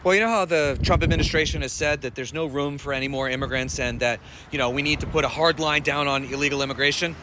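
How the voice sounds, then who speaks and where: A man's voice: a little high, fast talker, hardly any pauses, noisy background. A man giving wry, incredulous political commentary to the camera. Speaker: social media commentator.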